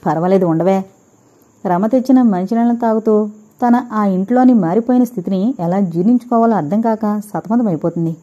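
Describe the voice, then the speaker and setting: A woman reading a dramatic audio novel, voicing every character's dialogue herself with gentle shifts. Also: medium pitch, a little fast, lo-fi sound. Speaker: audiobook narrator.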